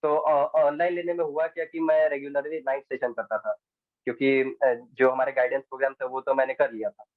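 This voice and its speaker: A man's voice: mid-range voice, little pitch movement, a little fast, no room sound. A teenage boy from India answering interview questions in a hesitant way, with restarts and English phrases mixed in, over a video call. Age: teens. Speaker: interview guest, exam candidate. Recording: tinny dry phone-like line.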